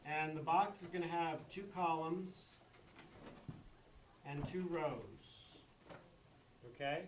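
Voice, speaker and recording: A man's voice: on the high side, steady tone, takes it slowly, background noise. A man teaching a math lesson to a class, repeating key points and checking that students follow. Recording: echoey classroom from far off.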